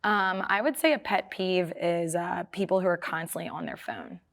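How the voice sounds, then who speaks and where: A young woman from Maryland answering a rapid-fire interview in a bubbly, giggly way, often hunting for words. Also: on the low side, fairly even intonation, gravelly. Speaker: guest, apparel business owner.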